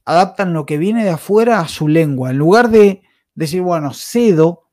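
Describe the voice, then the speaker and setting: A man with an Argentine accent talks in a casual podcast chat, voice set somewhat high for a man. He is passionate and opinionated and drifts from point to point. The sound is dry, with no room echo. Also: warm tone. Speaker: podcast host.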